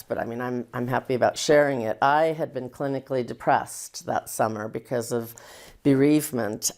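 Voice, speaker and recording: Very low-voiced woman reminiscing. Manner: warm, hesitant storytelling with soft laughs. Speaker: guest. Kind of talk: reminiscing conversation.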